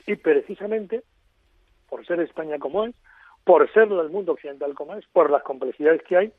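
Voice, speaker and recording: A man's voice: fairly high pitch, moderate pace, no room sound. A man as a radio guest, explaining at length in an expansive, lecturing way over a phone line.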